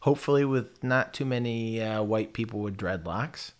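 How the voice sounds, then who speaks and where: Speaking at a moderate pace in a lowish voice, a lisping man from the United States talks informally to his audience as a vlogger. His chat wanders, turns profane and pokes fun at himself.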